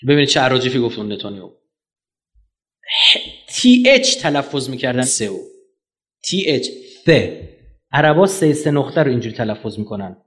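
A man giving a public lecture in an animated, argumentative way, firing rhetorical questions and swinging from loud to soft. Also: medium pitch. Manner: animated, rhetorical questions, sharp jumps in loudness; mocking, argumentative.

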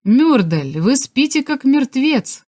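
A woman voicing a sharp, sarcastic female lab official in an audiobook, her tone scolding and caustic. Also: fairly high pitch, expressive, normal speed, pitched above the performer's own voice, lightly acted. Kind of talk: audiobook character voice.

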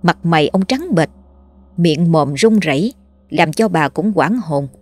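A woman narrating a horror story in a measured, dramatic way. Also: sits low, lively intonation, a little mellow. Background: faint music.

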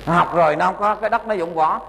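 Monk, male; folksy, scolding sermon delivery, slightly high voice, echoey hall with a faint hum. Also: fast talker, vocal fry, a bit bright. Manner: folksy and admonishing, with humorous anecdotes. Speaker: Buddhist monk, preacher. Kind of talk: Buddhist sermon to lay followers.

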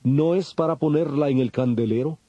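A man playing Jesus as a calm, authoritative teacher, speaking in measured, solemn phrases for a dramatized audio Bible. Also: fairly high pitch, husky, no echo. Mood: solemn teaching. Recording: dull, band-limited audio with music.

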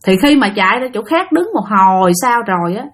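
A woman's voice: mid-range voice, animated, fairly quick, a bit bright. Woman storyteller, Southern Vietnamese accent, chatty spoken ghost-story narration addressed to listeners.

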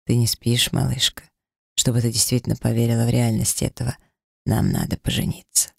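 A man's voice: medium pitch, level tone, a little fast, creaky, dry recording, clean studio sound. A man voicing a tender confident lover. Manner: soft, warm-hearted and reassuring.

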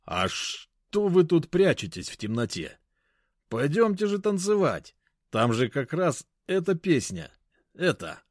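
A man's voice: fairly high pitch, big pitch swings, dry recording, studio quality, pitched above the performer's own voice. A man playing a young man pretending to be drunk, slurring and gushing. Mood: fake-drunk cheerful. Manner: slurred, drawn-out.

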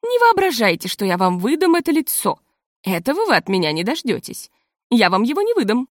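A woman's voice: on the high side, wildly swooping pitch, fairly quick, no room sound, clean studio sound. A woman reading an audiobook voices a pushy, scornful female guest who keeps insisting on her gossip. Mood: insistent. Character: stubborn gossiping female guest, middle-aged, smug and pushy.

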